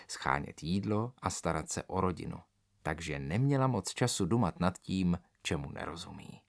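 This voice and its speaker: A man narrating a children's story aloud with expressive, animated delivery. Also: fairly low pitch, dry recording, clean studio sound.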